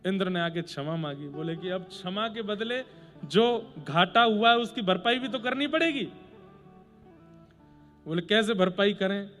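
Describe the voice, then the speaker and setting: A man telling a devotional story as a sermon, humorous and animated with playful asides. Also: high-pitched, a little slow, long pauses, faint music behind. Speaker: religious storyteller.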